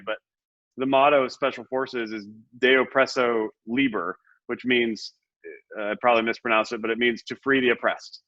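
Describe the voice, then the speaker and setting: A middle-aged Senate candidate, appearing as an interview guest, speaks earnestly and passionately, often repeating and restarting his words. His voice is medium-pitched with a sharp tone, and the audio is muffled and dry with no echo.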